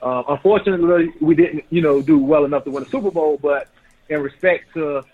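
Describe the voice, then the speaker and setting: A man's voice: on the high side, a little fast, narrow, tinny audio. A man calling in over the phone to a radio show, chatting in a laid-back way with lots of filler words. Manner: laid-back, frequent "you know" fillers. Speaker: former player calling in. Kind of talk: casual call-in chat. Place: calling from a noisy party.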